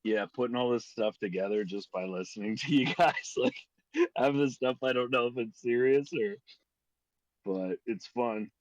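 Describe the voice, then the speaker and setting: A man's voice: medium pitch, moderate pace, no room sound. A laid-back, agreeable man chatting casually as a player at a tabletop game. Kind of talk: casual chat. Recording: dry, dull lo-fi audio.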